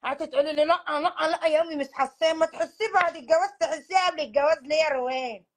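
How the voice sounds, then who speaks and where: A woman's voice: high voice, rapid-fire, close to an everyday voice. A woman playing a middle-aged Egyptian mother who nags and tearfully pleads with her daughter to marry. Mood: insistent nagging. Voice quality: whiny, crying-tinged pleading.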